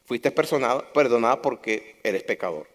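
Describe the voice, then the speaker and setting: A man's voice: medium pitch, animated, moderate pace. A man preaching a sermon to his congregation, impassioned, repeating phrases for emphasis. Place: church hall. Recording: long hall reverb.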